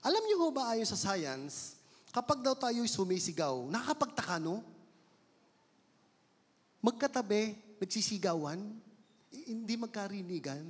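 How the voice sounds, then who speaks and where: A preacher with a Filipino accent delivers a sermon in a church hall, alternating Tagalog and English and stretching words for emphasis, with long reverb around him. His high, slightly rough voice is sing-song and unhurried, with long pauses.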